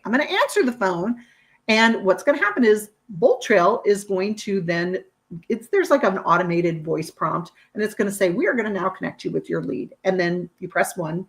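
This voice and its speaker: A woman leading a screen-share software training, explaining features in an upbeat, conversational way with frequent fillers. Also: mid-range voice.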